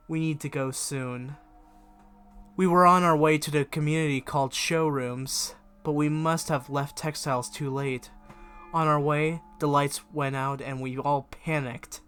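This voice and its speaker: A fan fiction reader and video creator with a slightly bright, higher-pitched voice reads a diary-style horror story aloud. His scripted narration is expressive.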